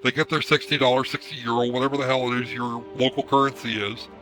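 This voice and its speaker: A man's voice run through a voice changer that makes it sound bright and sharp, over faint music in the background. Underneath he is hoarse from screaming. He rants irritably to his stream on a headset, swearing and circling back over his own words. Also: mid-range voice, flat delivery, fast, low-quality recording. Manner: irritated, swears, repeats himself. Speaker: live streamer. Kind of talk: ranting livestream commentary.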